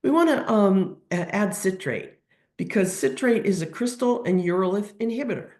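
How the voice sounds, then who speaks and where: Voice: mid-range voice, sing-song, normal speed, a little mellow, roomy sound. A veterinary technician giving an educational webinar lecture while suffering from a cold, explaining step by step with frequent ums and restarts. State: has a cold.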